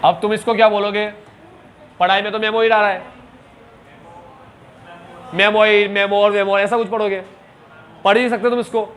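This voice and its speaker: A man's voice: sits high, fairly even intonation, fast, pauses often, slight background noise. A man teaching a class, chatty and joking, mixing Hindi and English terms. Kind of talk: classroom lecture.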